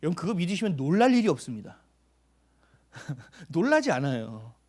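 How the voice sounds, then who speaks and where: A male pastor delivers a sermon in a high, lively voice whose pitch swoops up and down. He keeps questioning his listeners and then answering himself. For emphasis he sometimes sinks to a hushed near-whisper. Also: normal speed. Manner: animated, asks the congregation questions and answers them.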